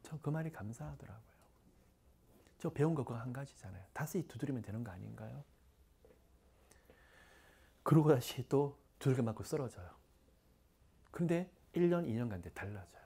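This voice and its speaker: A man's voice: medium pitch, animated, normal speed, pauses often, warm tone. A middle-aged man, a pastor, preaching conversationally and often dropping to a whisper. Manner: conversational preaching, many asides; drops to breathy whispers. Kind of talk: sermon.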